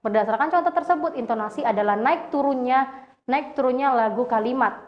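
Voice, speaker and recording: A woman's voice: high-pitched, a little fast. A woman reading a lesson aloud, with frequent slips and self-corrections. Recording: dull lo-fi recording.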